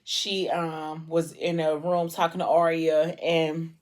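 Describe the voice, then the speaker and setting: A woman's voice: low voice, flat delivery, slow. A woman vlogger retelling a story in a casual, colloquial, gossipy way with acted-out dialogue.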